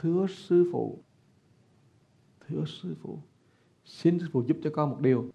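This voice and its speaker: A man's voice: a little high, measured pace, vocal fry, warm tone, husky, full character voice. A man voicing a humble ghost that pleads with its master for a place to practice, meek and respectful, on a slightly dull recording. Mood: pleading. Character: humble pleading spirit, twenty lives a ghost.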